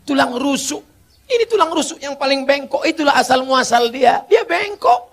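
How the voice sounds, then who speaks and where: Indonesian preacher guy cracking jokes, high voice, fires off rhetorical questions. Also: normal speed, a bit bright. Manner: joking, rhetorical questions, rising emphatic delivery. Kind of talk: humorous sermon Q&A.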